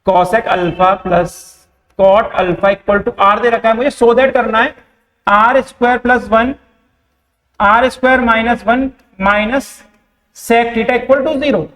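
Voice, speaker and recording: A man's voice: extremely high pitch, fairly even intonation, slow, a bit bright. A young man teaching a math class with an Indian accent, asking the class questions and answering them himself. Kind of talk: board-exam math lesson. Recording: echoey room with long reverb.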